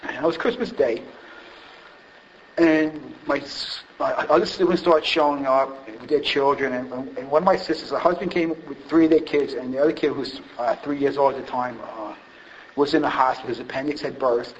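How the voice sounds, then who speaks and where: In a dull lo-fi recording with faint hiss, a man with a mid-range voice speaks briskly and steadily. He's telling a group a rambling, self-deprecating recovery story about his drinking, full of fillers and restarts.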